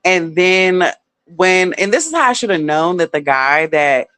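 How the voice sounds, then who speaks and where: A woman's voice: fairly low pitch, expressive, unhurried, fairly bright tone, smooth, dry recording. A woman telling a personal story in a casual vlog, candid and heavily profane, full of filler words.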